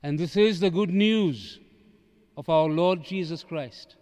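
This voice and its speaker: A man, a priest reading the gospel and preaching in a measured, solemn way, his voice echoing through a large basilica. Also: fairly high pitch, darkish tone. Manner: slow, measured, solemn delivery. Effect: cathedral echo. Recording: long reverb from the church hall.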